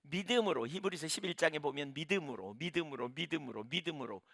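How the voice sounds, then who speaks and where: A man's voice: a little high, fast talker, creaky, fairly bright tone, no room sound, studio quality. A middle-aged man preaching a sermon as pastor, acting out the words of biblical figures as he tells their stories.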